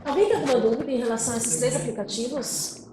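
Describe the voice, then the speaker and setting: A woman voicing a talk as a sign language interpreter, explaining in a steady way. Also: fairly high pitch, quick pace, background noise.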